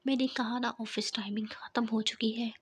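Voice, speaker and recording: A defiant young office woman with a quick, sharp tongue, whispered by a woman reading a novel aloud. Whispered role-play, breathy and husky throughout, pitched a little high. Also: fairly even intonation. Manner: bold, retorting.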